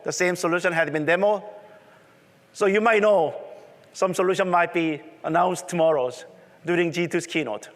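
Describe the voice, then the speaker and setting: A man's voice: high voice, normal speed. A man with a strong Korean accent and conversational non-native phrasing, presenting a technical talk at a conference. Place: large presentation room. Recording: echoey hall reverb.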